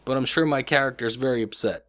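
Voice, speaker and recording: A young man commentating a video game playthrough, joking and animated. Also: medium pitch, fast. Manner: animated, joking, squeamish outbursts. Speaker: gaming commentator. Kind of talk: let's play commentary. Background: game audio.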